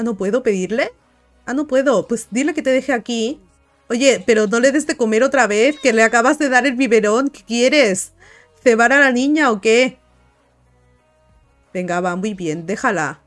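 Woman chatting cheerfully over a life-sim game. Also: on the high side. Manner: chatty, coos and talks to the game characters. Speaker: gaming video host. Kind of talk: casual gameplay commentary. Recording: light music behind.

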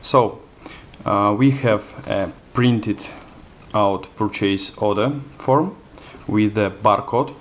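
Man, low voice, hesitant fillers, step-by-step demo narration. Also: slow, dull audio, a little hiss or hum. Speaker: software demonstrator. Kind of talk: screencast product demo narration.

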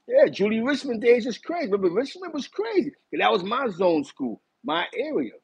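A middle-aged man from East Harlem with a New York accent, telling stories in a casual chat from a small room, animated and talking with his hands. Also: sits high, normal speed, creaky, husky, dry recording, poor audio. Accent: New York City. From East Harlem, New York City. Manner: animated, gestures a lot while reminiscing. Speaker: host. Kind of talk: casual storytelling to a live chat. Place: small bright room indoors.

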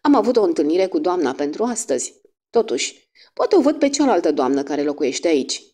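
A fussy, formal middle-aged detective with courteous, measured speech, read by a woman narrator. The voice sits low, dark and mellow, but the lines still rise and fall a lot. It is read like an audiobook character. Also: very animated. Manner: polite and measured.

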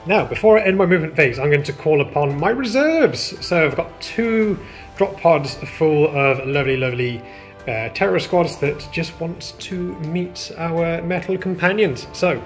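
A man's voice: on the high side, animated, normal speed. A man playing a tabletop wargame, chatting playfully and laughing often. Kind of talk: casual chat over a tabletop game. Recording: echoey room with music. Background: background music.

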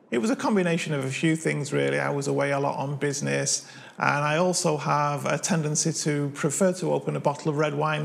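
A Mancunian man in his forties from Manchester, England, hosts his channel and chats to camera about his piano hobby in a friendly, self-deprecating, storytelling way. His voice is on the high side, gravelly and a bit bright. He's recorded on a lapel mic in a living room.

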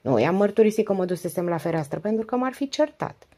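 A woman's voice: medium pitch, expressive, mellow, lightly acted. A woman reading the part of a devoted, weary wife in her late forties who confides in long, flowing speech. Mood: confiding. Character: 48-year-old wife, talkative, devoted, weary.

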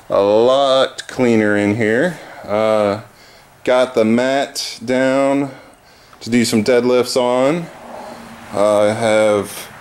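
With a clear, resonant voice on the low side, a thirtysomething man rambles casually with plenty of fillers in his fitness vlog. He films himself on a handheld camera at arm's length, starting outdoors by the house and ending up in the garage.

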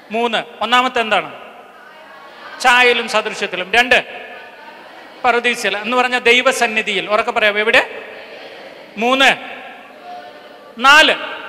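A man preaching a sermon to a live audience, leading lively call-and-response and counting off his points. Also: very high-pitched. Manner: call-and-response, keeps urging the crowd to answer louder. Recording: long hall reverb.

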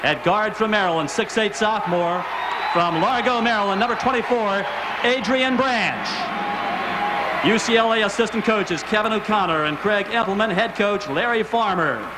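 Male arena PA announcer, high register, echoing stadium delivery, formal and measured, noisy crowd behind. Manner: measured announcing, names set apart. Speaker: arena public address announcer. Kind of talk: formal starting-lineup announcement. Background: loud basketball crowd.

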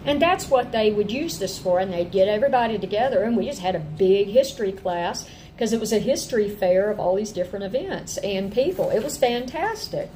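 A middle-aged woman with an Appalachian accent, chatting casually to camera in a folksy, animated, expressive way. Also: mid-range voice, fairly quick, few pauses, a little hiss or hum, low-quality recording. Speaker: homeschooling parent and vlog host. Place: indoor room at home.

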